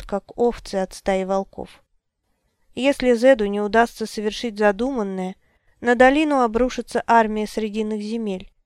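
A woman reading a fantasy audiobook in a measured, dramatic manner. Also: medium pitch, darkish tone, clean tone, no echo, clean studio sound. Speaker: audiobook narrator. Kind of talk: scripted audiobook narration.

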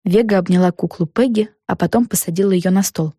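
A woman reading a children's book aloud with lively, expressive storytelling. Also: lowish voice, a little fast, husky, no room sound, clean studio sound. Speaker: audiobook narrator. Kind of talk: scripted narration.

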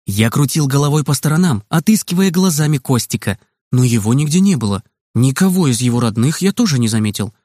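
A man narrating a children's story in the first person, in a lively manner. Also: mid-range voice, brisk, dry recording, studio quality.

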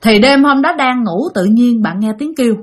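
A woman's voice: on the high side, expressive, normal speed. A woman with a Southern Vietnamese accent telling a ghost story in a chatty, casual way, addressing her listeners directly.

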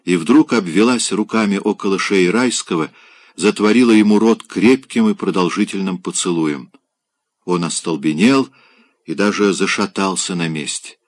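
A man reading a classic novel aloud, in measured, expressive literary narration. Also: low-pitched, no room sound, studio quality. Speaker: audiobook reader.

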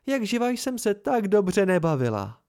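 A man voicing a sharp-tongued, teasing young woman in a storybook reading, raising his voice into a higher, mocking tone. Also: sing-song, clean tone. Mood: amused, teasing. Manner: mocking, playful.

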